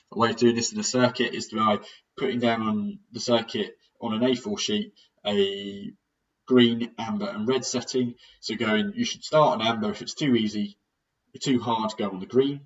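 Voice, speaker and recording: A young British man giving a conversational recorded physiotherapy lecture, plain-spoken and self-aware about sounding monotonous. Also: on the low side. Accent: British English. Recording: distant mic, dull lo-fi sound.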